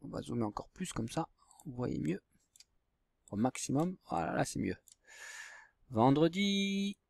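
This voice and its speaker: In a mid-range, sing-song voice that is a little mellow, with vocal fry and a breathy edge, a primary school teacher patiently spells out letters and syllables at a moderate pace. It's a recorded handwriting and reading lesson for young pupils, clean studio sound and echo-free.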